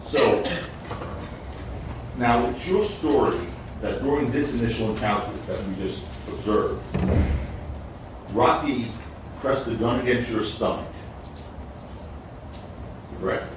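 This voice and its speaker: A man cross-examining a witness as a lawyer in court, deliberate and insistent. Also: medium pitch. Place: large indoor courtroom. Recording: noisy, very echoey courtroom, distant mic.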